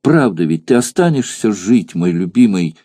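A man's voice: animated, takes it slowly, warm tone, no room sound, clean studio sound. A man voicing a devoted young woman in love, pleading in a raised, emotional voice. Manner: pleading and breathless, emotional high pitch.

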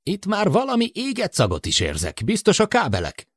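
A talkative, teasing spaceship crewman, as a male reader puts him on in a raised, lively voice that swoops up and down. His delivery is chatty and apologetic by turns, with the dry, close sound of a studio audiobook. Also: high voice, breathy edge, dry recording, voice pushed up, full character voice. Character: joking male spaceship crewman stuck in the dark.

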